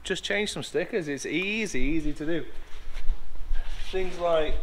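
Speaking at a measured pace with a fairly high, slightly bright voice, a man in his forties walks through a hands-on job in a large indoor aircraft hangar. He's an aircraft maintenance engineer, chatting casually and frequently starting his sentences over. There's slight background noise.

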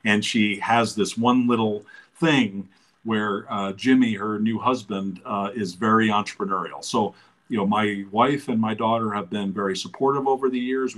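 A man in his sixties talking in a relaxed, thoughtful way as an interview guest, pausing often with fillers. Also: fairly low pitch. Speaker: interview guest, business founder. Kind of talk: casual conversational interview.

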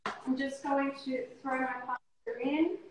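A woman's voice: high-pitched, steady tone, unhurried. Woman narrating her cooking step by step. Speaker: cooking show co-host. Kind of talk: casual cooking demonstration. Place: home kitchen, indoors. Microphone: video call, laptop or phone camera. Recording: echoey kitchen with faint background noise.

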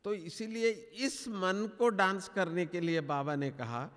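A man's voice: high voice, slow pace, fairly bright tone. A man giving a spiritual class talk, telling stories and acting out his own inner dialogue. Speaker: spiritual teacher. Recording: long hall reverb.

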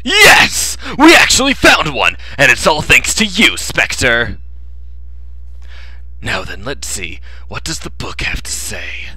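A man voicing an eager, easily flustered young student adventurer from a video game, in an expressive, dramatic and casual way. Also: a little high, takes it slowly, hardly any pauses, dry recording, voice pushed up, heavily acted. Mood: excited. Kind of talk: acted video game dialogue reading.

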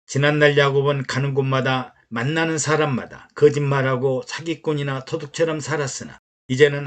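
A man, a pastor, reading a sermon that retells stories, in a measured, steady way. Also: mid-range voice. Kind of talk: read sermon narration.

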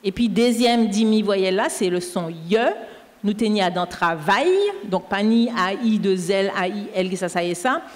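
A woman's voice: mid-range voice, normal speed. A woman with a Martinican Creole accent, a teacher patiently explaining spelling rules and spelling words out letter by letter. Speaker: language teacher correcting a dictation. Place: school canteen hall. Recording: echoey hall.

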